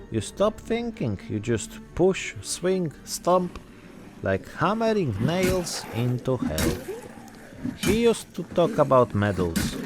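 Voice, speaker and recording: A man voicing a weary immigrant zombie-apocalypse survivor, telling his story in short, deadpan, reflective phrases. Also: mid-range voice. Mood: grim, wry. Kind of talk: narrated in-character role-play monologue.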